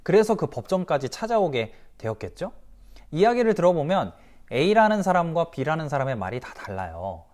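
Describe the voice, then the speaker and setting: Lively man preaching to children. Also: fairly high pitch, normal speed. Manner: lively storytelling, acts out quoted voices, addresses kids directly. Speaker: children's pastor. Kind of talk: children's sermon.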